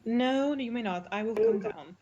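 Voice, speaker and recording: A woman's voice: a little high, normal speed, muffled recording, heavy background noise. A woman playing a tabletop game, speaking casually for her character in a dry, bossy way.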